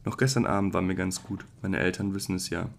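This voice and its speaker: A man reads a young clerk who has become an insect, apologetic and hurried. The voice is low and flat, with a gravelly edge. A faint hiss lies under the storybook reading. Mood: flustered pleading. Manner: hurried, apologetic, stumbling over words. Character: young male clerk turned insect, flustered and pleading. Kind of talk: audiobook reading.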